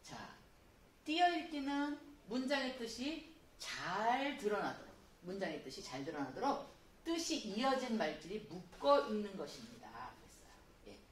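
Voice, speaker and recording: A woman teaches a spelling lesson, her pitch rising and falling a great deal as she explains patiently. She reads her examples slowly. Her voice comes from a distance in an echoey room. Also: very animated, a little hiss or hum. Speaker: Korean spelling instructor. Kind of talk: classroom lecture.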